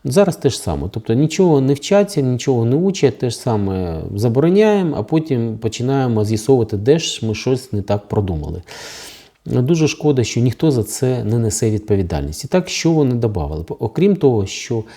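A man's voice: mid-range voice, very animated, a little fast, mellow. A man with a Ukrainian accent hosting his own legal channel, explaining new rules in a sarcastic, critical tone with many fillers. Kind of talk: direct-to-camera legal commentary.

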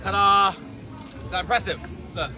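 A man's voice: high voice, steady tone, normal speed, faint music behind. A man in his twenties performing street magic patter as a theatrical magician, showy, with short commands and exclamations. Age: 20s. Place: outdoors in streets, parks and beaches. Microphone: phone camera at about arm's length. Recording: noisy outdoor street, loud chatter and traffic.

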